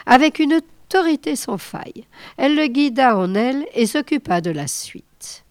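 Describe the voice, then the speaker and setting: A woman reading a novel aloud in a measured, unhurried way. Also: high-pitched, expressive, no room sound. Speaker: reader.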